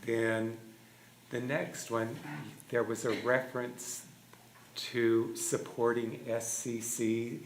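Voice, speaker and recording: A man chairing a school board meeting, asking questions in a measured, hesitant way. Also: mid-range voice, level tone, slight background noise. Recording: echoey meeting room, faint ambience.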